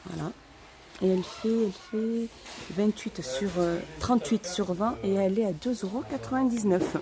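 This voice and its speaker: A woman's voice: mid-range voice, moderate pace. A woman speaking through a face mask, muffled, giving a casual, slightly hesitant item-by-item shopping vlog tour inside a store. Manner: informal, hesitant item-by-item commentary. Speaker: shopping vlogger.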